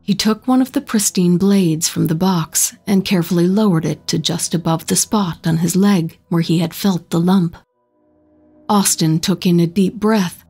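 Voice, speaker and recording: A woman narrating a horror short story in a slow, measured storytelling manner. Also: lowish voice, vocal fry, darkish tone, husky.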